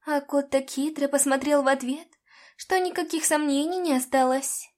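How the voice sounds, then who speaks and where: High-voiced woman reading a fantasy story. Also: steady tone, normal speed, a little mellow. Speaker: audiobook narrator. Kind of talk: first-person fantasy audiobook reading.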